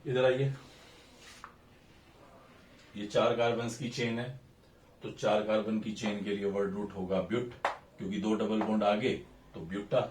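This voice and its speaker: A man's voice: on the low side, steady tone, unhurried, pauses often, a little mellow, distant mic, a little hiss or hum. A man teaching a recorded chemistry lesson, explaining step by step and counting carbons aloud while mixing English terms into Hindi. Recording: echoey room, voice a bit off-mic, faint ambience.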